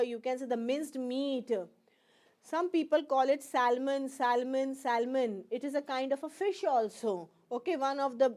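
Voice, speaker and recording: This pronunciation lesson comes from a middle-aged woman with an Indian English accent who blends Hindi into her English. Her voice is high with a darkish tone. Patiently she repeats every word, asking "fine?" to make sure the students are following.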